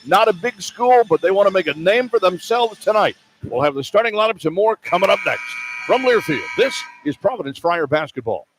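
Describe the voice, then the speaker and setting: Calling the action live for radio, this American announcer has a high voice with lively intonation, talking a little fast with hardly any pauses. The noisy broadcast comes from an indoor arena full of ambient crowd noise.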